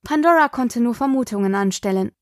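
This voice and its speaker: A woman reading a novel aloud in steady, expressive narration. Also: fairly high pitch, a little fast, dry recording, clean studio sound. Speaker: audiobook narrator. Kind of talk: scripted narration.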